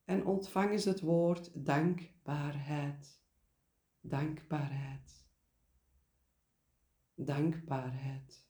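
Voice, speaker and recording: A man guiding a meditation in a gentle, deliberate way, pausing and repeating key words. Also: fairly high pitch, fairly even intonation, reverberant. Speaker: meditation guide. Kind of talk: guided meditation, spoken reflection.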